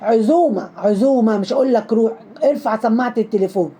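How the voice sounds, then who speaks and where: Egyptian woman, gossip commentary, rapid-fire delivery, mellow tone, sarcastic and mocking. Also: a little high. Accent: Egyptian Arabic.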